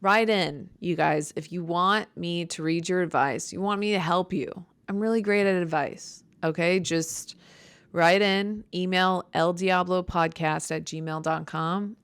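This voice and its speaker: A young woman from Chicago hosting her own podcast in casual, blunt, joking chat, with vocal fry and a dry voice. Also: fairly low pitch, fairly even intonation, unhurried, no echo. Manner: blunt, joking, swears freely. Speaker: podcast host.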